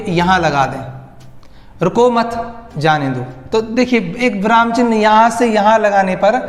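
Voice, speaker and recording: A man teaching a grammar lesson to students, repeating key words back as questions. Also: high voice. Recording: echoey room with faint music.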